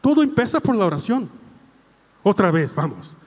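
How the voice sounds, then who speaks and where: A man preaching a sermon as a priest, in slow, deliberate phrasing broken into short pieces. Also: high voice, very animated, darkish tone, breathy edge, big-room sound.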